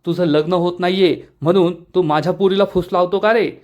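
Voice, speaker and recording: A man's voice: sits high, fairly even intonation, a little fast, darkish tone, close to an everyday voice. A man reading out the lines of a furious, scolding older village aunt in a soap recap. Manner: scolding, harsh.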